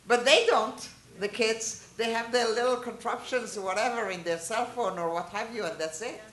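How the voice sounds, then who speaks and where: An Israeli teacher who grew up speaking Hebrew and Hungarian gives a chatty, informal lecture to a small group, firing questions at the listeners and tossing in animated asides. Her mid-range voice moves at a normal speed. There's slight background noise and a roomy echo.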